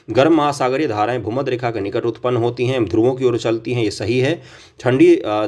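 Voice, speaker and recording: A man's voice: mid-range voice, darkish tone. A male coaching teacher who reads out quiz questions and explains the answers, often asking a question and answering it himself. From India.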